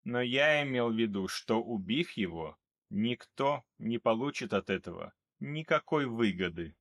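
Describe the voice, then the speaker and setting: A man reading an audiobook, voicing a cold, calm male mercenary who speaks in a flat, unhurried way. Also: medium pitch. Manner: flat, even, unhurried delivery.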